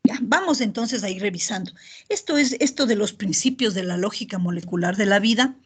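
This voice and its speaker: Woman lecturer, middle-aged, slightly breathy voice, patient online-class delivery. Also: medium pitch. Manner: checks in often with "¿ya?" and "¿verdad?"; steady explanatory pace with filler pauses. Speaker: university lecturer.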